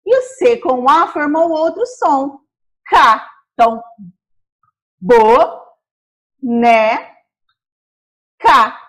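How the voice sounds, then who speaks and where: A Brazilian woman teaching a primary school class, sounding out words slowly syllable by syllable. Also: high-pitched, fairly bright tone. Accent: Brazilian Portuguese. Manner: slow, syllable-by-syllable explaining.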